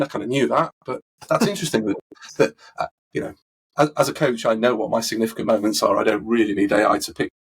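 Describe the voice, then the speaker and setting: A coaching expert appears as an interview guest, answering thoughtfully and conversationally with frequent fillers and restarts. His mid-range voice is husky and sounds like it's recovering, and the audio is poor.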